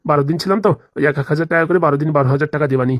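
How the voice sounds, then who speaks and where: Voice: medium pitch, racing, dry recording, close to an everyday voice. A voice actor playing a timid, henpecked village husband in a cartoon comedy, who stammers and whines in rustic speech. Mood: pleading.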